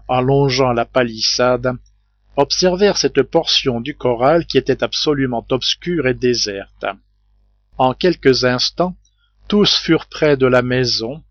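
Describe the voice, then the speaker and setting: Male audiobook narrator, measured reading, slow pace, dry, slightly dull recording. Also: mid-range voice, dry recording. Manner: measured, steady. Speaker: audiobook reader. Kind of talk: scripted narration. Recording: dull, muffled home recording.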